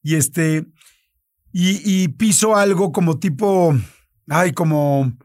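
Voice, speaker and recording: A man with a fairly high voice, chatting casually as a host. He tells his stories with lively energy and acts out each exchange. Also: takes it slowly. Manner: animated storyteller, acts out dialogue. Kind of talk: casual chat.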